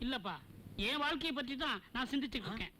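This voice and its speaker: Smitten middle-aged dad, comic film, high voice, fast, grunting interjections. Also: male voice, lively intonation, bright, forceful tone, a little hiss or hum, full character voice. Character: smitten middle-aged widower father, soft-hearted. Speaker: father.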